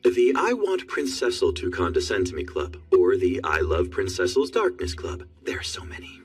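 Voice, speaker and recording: Dutiful royal aide, low husky voice, formal, anime dub, lively intonation. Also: male voice, moderate pace, heavily acted. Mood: formal, deadpan. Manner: formal, deferential. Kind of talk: English anime dub acting. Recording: slightly distant sound, music behind.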